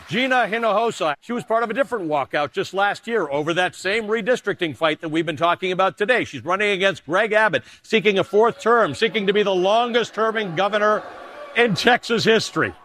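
A middle-aged Canadian news anchor delivers emphatic political commentary and a personal essay in a fairly bright voice. He drops his voice low for personal asides.

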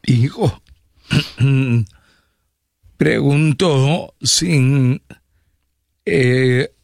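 A man's voice: medium pitch, drawn-out words, gravelly, a little mellow, no echo, clean studio sound. A man hosting an interview, asking probing questions formally. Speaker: interview host. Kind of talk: radio interview.

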